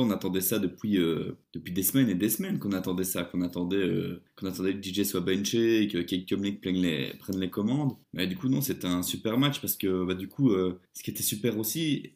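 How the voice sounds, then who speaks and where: A man's voice: sits low, darkish tone. A man chatting casually about sport as a co-host, informal and a little hesitant, often repeating his phrases. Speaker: co-host giving match commentary.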